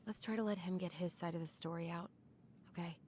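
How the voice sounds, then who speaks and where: An actress voices a young woman in a narrative game who is earnest and caring, with a gently wry edge. Her voice sits a little low in pitch. Clear ambient game noise runs underneath. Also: steady tone, fast talker, close to an everyday voice.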